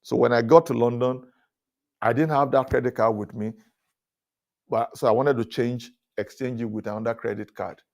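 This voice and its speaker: A man giving a sermon-style leadership talk at a conference. He speaks animatedly, chuckles between points, and his pitch climbs high when he drives a point home. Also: fairly even intonation, normal speed, creaky, darkish tone. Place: conference hall.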